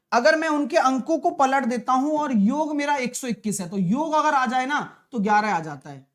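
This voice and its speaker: Live and online, a man teaches an exam-prep maths class in a very high-pitched voice. He keeps up a chatty, coaxing patter, quizzing his students with fast questions all the time.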